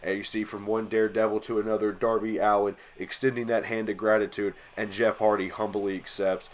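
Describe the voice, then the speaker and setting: A man with a stuffy, congested voice from allergies, hosting and calling play-by-play over a wrestling video game, getting loud on the big moves. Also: on the low side, level tone, fairly quick. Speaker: channel host.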